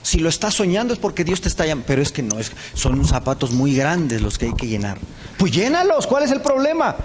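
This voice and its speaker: A pastor, preaching a sermon live and animatedly acting out Bible characters in quick dialogue. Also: male voice, a little high, sing-song, a little hiss or hum. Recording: live church hall with reverb and faint ambience.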